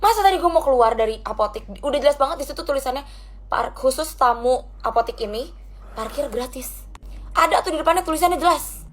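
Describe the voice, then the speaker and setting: Young woman, rapid indignant rant, slightly high voice, swears freely. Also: lively intonation. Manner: indignant, fast ranting with swearing. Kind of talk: casual ranting story.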